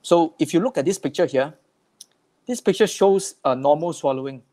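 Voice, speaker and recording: Slightly high-voiced male speech therapist. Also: normal speed, mellow. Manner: plain explanatory, often repeating words. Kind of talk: slide-based health talk.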